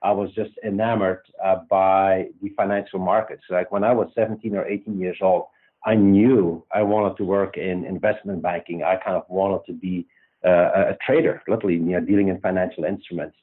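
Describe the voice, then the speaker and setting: Low-pitched and husky, this Belgian-accented startup founder speaks steadily and slightly fast as a casual interview guest. His speech is full of fillers and false starts, heard over a tinny, phone-like connection.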